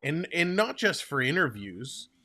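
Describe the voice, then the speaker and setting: Hosting a live hockey stream, this young man with a Toronto Canadian accent rambles casually, reading viewer comments aloud and responding. His slightly high voice has a sing-song quality, bright and forceful, and he speaks a little slowly.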